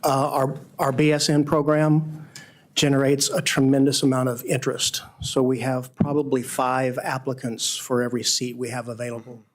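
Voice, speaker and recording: A man's voice: medium pitch, little pitch movement, normal speed. A man answering questions at a formal meeting as a school administrator, in an explanatory style.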